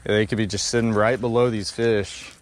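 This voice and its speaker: Excitable young man fishing outdoors. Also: lowish voice, moderate pace, a little hiss or hum. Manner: excitable, slangy, bursts into shouts. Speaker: fishing vlogger. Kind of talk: excited outdoor vlog commentary. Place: outdoors at a pond bank.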